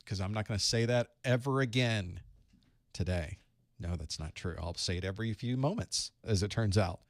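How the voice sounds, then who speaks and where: A man's voice: on the low side, normal speed, no echo, studio quality. A man hosting a live study-group stream, chatting casually and greeting viewers while he sets up his gear.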